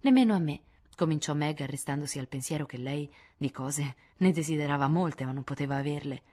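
A woman reading a classic novel aloud in a measured, expressive audiobook narration. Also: low voice. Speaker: audiobook reader. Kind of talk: scripted narration.

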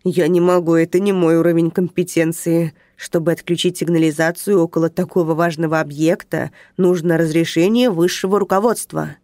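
A woman's voice: lowish voice, fairly even intonation, fairly quick, few pauses, dark tone, no echo, clean studio sound, close to an everyday voice. A woman voicing a short, round, middle-aged male security guard who talks in an officious, barking way.

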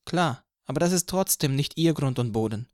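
A man reading an audiobook voices a young plainclothes policeman who questions and accuses in brisk, stern lines. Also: a little high, animated, darkish tone, no echo, studio quality, pitched above the performer's own voice, natural voice. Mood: insistent. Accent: slight foreign accent in speaking English, voiced in German.

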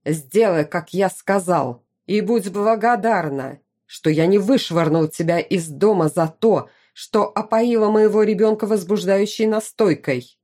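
Stern duke read by a woman, commanding, middle-aged father, audiobook, mellow tone. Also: medium pitch, unhurried, hardly any pauses, voice pushed up, close to an everyday voice. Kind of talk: audiobook character reading.

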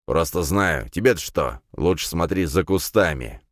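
A boastful young rival sneers and swears through a storybook scene, as a male reader plays him. His voice sits low and rough-edged in mood, taunting one moment and snapping the next. The recording is dry and close. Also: lively intonation, moderate pace, no echo.

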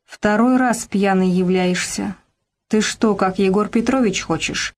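A woman's voice: mid-range voice, a little slow, close to an everyday voice. An exhausted working mother scolds in a hissing, clipped voice, as a woman narrator plays her. She is bitter and worn down, a figure from a gritty audiobook drama. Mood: scolding. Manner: hissing through teeth, tearful.

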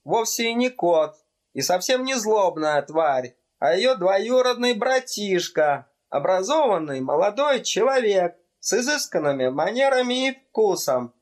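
Man voicing indignant young woman, high-pitched, loud, shrill, audiobook. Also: big pitch swings, unhurried. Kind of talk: audiobook character voice.

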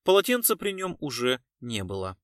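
A man's voice: mid-range voice, very animated, normal speed, a bit bright, no room sound, studio quality. Man reading a detective novel aloud. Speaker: audiobook narrator. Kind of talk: scripted narration.

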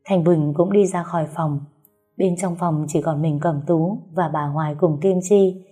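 A woman narrating a novel as an audiobook, in an even storytelling manner. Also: low voice, measured pace, husky, faint music behind. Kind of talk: novel reading.

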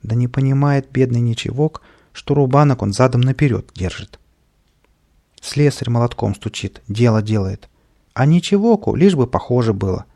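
A man with a mid-range voice narrates a children's audiobook at a moderate pace, telling the story expressively.

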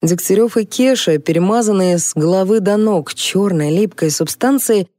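A woman reading a comic first-person audiobook with a lively, ironic delivery. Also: mid-range voice, normal speed, no echo, studio quality. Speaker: audiobook narrator.

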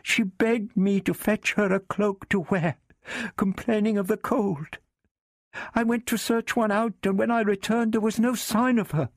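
A woman's voice: mid-range voice, steady tone, measured pace, no echo, studio quality, voice pushed up. A man voicing a frightened young female servant who pleads desperately. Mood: pleading.

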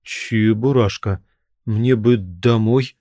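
A man's voice: medium pitch, expressive, takes it slowly, dark tone, no echo, clean studio sound. A man voicing a frightened young man who timidly pleads to be let go. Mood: frightened pleading.

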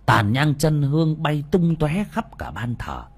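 A man narrating a ghost story in a dramatic, animated way. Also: a little high, unhurried, husky.

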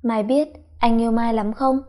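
A woman's voice: a little high, fairly even intonation, moderate pace, dark tone, natural voice. A woman voicing a tipsy, affectionate young husband who talks in a slurred, whiny, sugary way. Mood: tipsy teasing.

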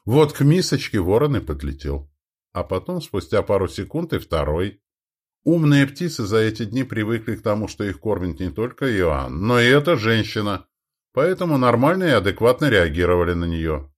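A man reading an audiobook aloud as narrator, with expressive storytelling. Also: lowish voice, moderate pace.

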